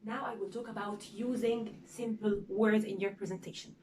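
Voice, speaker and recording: A young woman who speaks Egyptian Arabic as a first language, teaching presentation skills in English with a lively, demonstrative manner and many "okay?" fillers. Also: mid-range voice, moderate pace.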